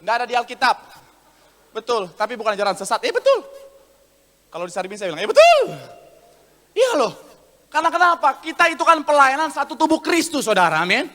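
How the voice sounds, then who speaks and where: A male pastor preaching a lively comedic sermon, addressing the congregation directly and acting out voices in his stories. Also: very high-pitched, fast talker. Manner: animated, acts out voices in anecdotes, calls the congregation "saudara". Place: church hall. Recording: church hall reverb.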